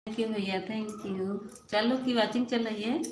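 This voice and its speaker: A woman's voice: mid-range voice, fairly even intonation, takes it slowly. A woman with an Awadhi accent hosting a casual live stream, chatting and teasing viewers. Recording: echoey room with loud background noise.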